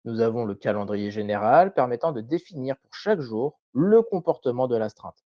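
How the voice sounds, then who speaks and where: A man presenting a scripted tutorial voice-over in a measured, didactic way, carefully enunciated. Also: medium pitch, lively intonation, dry recording, lo-fi sound.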